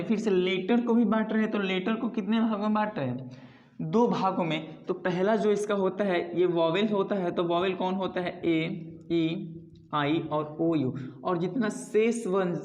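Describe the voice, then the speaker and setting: A woman teacher talks through an English lesson at an ordinary, mid-range pitch. She goes back over her points and refers to words she has written as she explains. Her voice rings through a bare room with a long, trailing reverb. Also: a little mellow, muffled recording.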